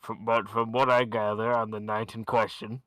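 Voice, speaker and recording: A man's voice: lowish voice, moderate pace, noisy background, lightly acted. A man voicing a male judge in a casual voiced read-through, dry and sardonic. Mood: baffled. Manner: dry, sardonic, deadpan threats. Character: irritable old male judge reading court lines.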